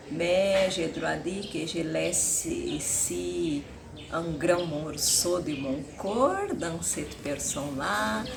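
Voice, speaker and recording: A woman's voice: sits low, gravelly, noisy background. A woman missionary with a Portuguese-influenced foreign accent in French, giving a testimony and searching for her words. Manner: halting, non-native French with searched-for words. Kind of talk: interview testimony.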